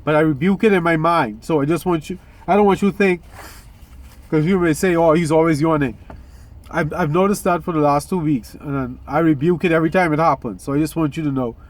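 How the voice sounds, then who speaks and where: A man's voice: fairly high pitch, a little fast. A man hosting a casual spiritual vlog, talking in a rambling way with many restarts and occasional yawns. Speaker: vlog host.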